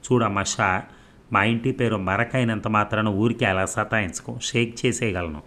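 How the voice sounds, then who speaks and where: A man's voice: fairly low pitch, fairly even intonation, moderate pace, a bit bright, natural voice. A man voicing an eager, impatient young man who keeps begging for the story. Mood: angry. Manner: eager, pleading.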